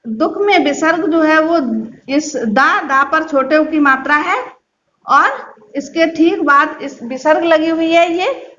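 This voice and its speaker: A woman teacher giving a reading lesson, speaking slowly and patiently, repeating words syllable by syllable. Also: high-pitched, a bit bright. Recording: dull, echoey room.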